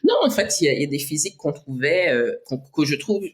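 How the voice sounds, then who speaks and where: Low-pitched, animated and fast, this woman is a bodybuilder from French Guiana appearing as a podcast guest in a relaxed interview. She is reflective, often restarting and using fillers, and laughs readily.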